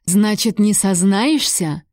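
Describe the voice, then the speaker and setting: A proud young warrior, cold and menacing, each word measured and heavy, as a woman narrator reads him. The tone is dark and mellow. The recording is dry and close, with no room around it. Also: medium pitch, animated, no echo. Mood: cold menace.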